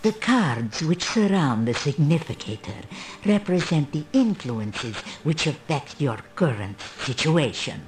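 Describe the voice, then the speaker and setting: Old female fortune teller, video game character, slow solemn delivery, sweeping intonation, mysterious, proud. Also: deep voice, big pitch swings, darkish tone, soft background music.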